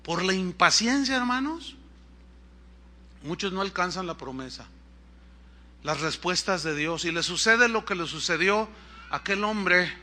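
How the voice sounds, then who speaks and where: A man preaching a sermon, telling stories with animation and swinging between loud and quiet. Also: sits high, animated, measured pace, pauses often. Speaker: pastor.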